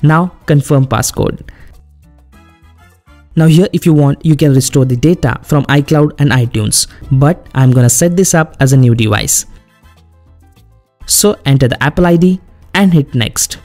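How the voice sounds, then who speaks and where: Mellow-voiced man giving tech steps. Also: fairly high pitch, faint music behind. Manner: plain, instructional, brisk commands. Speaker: tech tutorial host. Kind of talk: step-by-step tutorial voice-over.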